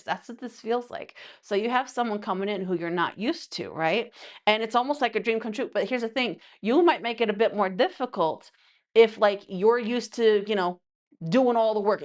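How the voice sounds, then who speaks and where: A woman gives a casual tarot reading in a loose, chatty way. She rambles through her asides and leans on fillers like "you know" and "right.". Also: medium pitch. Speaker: tarot reader.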